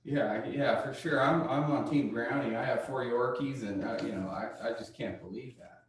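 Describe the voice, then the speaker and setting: A man's voice: mid-range voice, normal speed. A man playing a service technician in an improvised sales training role-play, polite and a bit hesitant as he asks questions. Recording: very echoey room, far from the mic, faint noise.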